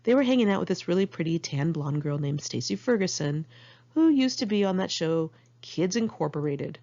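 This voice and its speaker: An American woman from the Los Angeles area reads her own memoir aloud in one take, sounding candid, conversational and sardonic. Her voice is lowish and animated with a dark tone, moving at a moderate pace, and the recording has a lo-fi quality.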